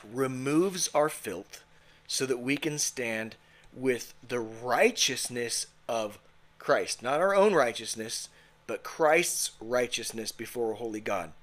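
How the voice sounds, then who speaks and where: A man preaching a sermon at a home fellowship, earnest and emphatic, sometimes restarting a phrase. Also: medium pitch. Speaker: pastor.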